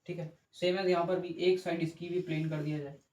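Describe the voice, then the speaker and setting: Male physics teacher, fairly high voice, step-by-step lecture with rhetorical checks, echoey room. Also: little pitch movement, a little fast, darkish tone. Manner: explains step by step, asks rhetorical checks, corrects himself. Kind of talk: classroom lecture with board drawing. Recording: echoey room with faint ambient noise.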